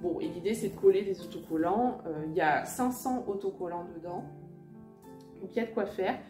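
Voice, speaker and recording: A vlogging mother speaks fairly quickly in a warm, fairly low voice, showing off children's books next to the fireplace at home. The show-and-tell is hesitant, full of fillers and restarts, with faint music behind and a roomy echo.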